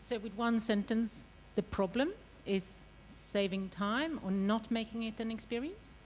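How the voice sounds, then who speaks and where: A woman's voice: fairly high pitch, a little slow, a little mellow, slight background noise. Woman moderating a conference panel. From Sweden. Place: conference stage.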